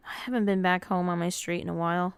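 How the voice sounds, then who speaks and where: A young adult woman from Dearborn, Michigan co-hosts a casual podcast over a headset mic. Her voice sits fairly low and sounds clean with no echo, and she talks quickly in a flat way. She comes across blunt and exasperated, swearing freely as she chats.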